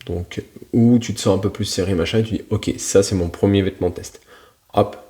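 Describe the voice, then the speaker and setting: A man's voice: fairly low pitch, fairly even intonation, fairly quick, mellow. A man coaching in a casual, slangy, blunt manner, talking straight to the listener. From France. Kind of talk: casual motivational talk.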